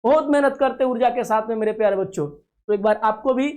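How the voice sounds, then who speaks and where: A man's voice: very high-pitched, brisk, a little mellow. A man teaching a reasoning lesson to students for a coaching video. He talks confidently, promises results and often checks whether the class has understood. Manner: coaxing, asks "clear?" often, calls students dear children.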